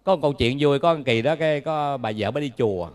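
A Buddhist monk with a Southern Vietnamese accent gives a dharma talk in a medium-pitched voice at a quick pace. His style is folksy and humorous, full of stories and questions put to the audience.

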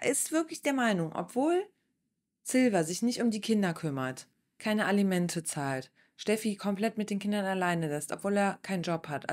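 A woman's voice: mid-range voice, darkish tone. A woman hosting a reaction video, commenting bluntly and with indignation on a reality show.

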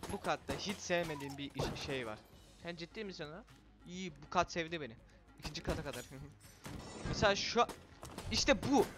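A man casually commentating a video game for viewers, excitable and quick to shout and swear when frustrated. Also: on the high side. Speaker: gaming video host.

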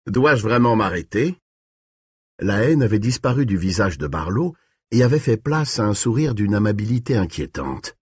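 Husky man with an expressive narrating voice. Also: fairly low pitch, moderate pace, dry recording, clean studio sound. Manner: expressive, shifting pace and tone. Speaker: audiobook narrator. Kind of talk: dramatic audiobook narration.

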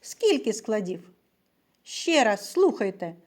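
A woman teacher giving a literacy lesson to young children, stretching out words slowly and clearly so they can repeat after her. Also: mid-range voice, very animated, darkish tone. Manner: slow, carefully stressed words for children to repeat. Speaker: primary school teacher.

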